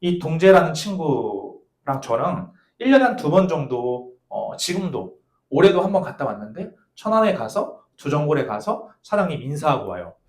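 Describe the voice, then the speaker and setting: A man in his thirties preaching a sermon, telling a personal story in a playful, animated way and speaking straight to young listeners. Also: a little high, moderate pace. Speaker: pastor. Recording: echoey church hall.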